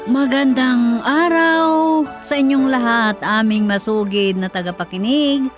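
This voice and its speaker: A woman's voice: on the high side, measured pace. A woman radio host reading a letter aloud as dramatic scripted narration. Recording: music under the voice. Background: music.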